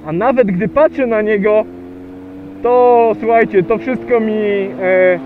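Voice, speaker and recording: A motovlogger with a high voice talks casually through his helmet mic while riding on an outdoor road. He's chatty and hesitant, often pausing and filling the silence with fillers. Faint wind and engine noise sit under the tinny, narrow audio.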